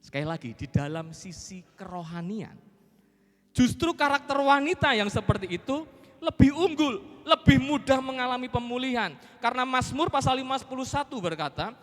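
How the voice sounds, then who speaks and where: A male pastor preaching a sermon. He swings between soft asides and loud emphasis, and he speaks directly to his congregation. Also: extremely high pitch, lively intonation, moderate pace. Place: large church hall. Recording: reverberant church hall with music behind.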